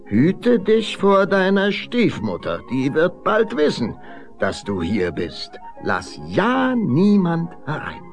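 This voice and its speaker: Casting: little fairy-tale dwarf miners, kindly and fussy, read by a man, lively lilt. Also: medium pitch, a little slow, creaky, few pauses, faint music behind, heavily acted. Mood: caring.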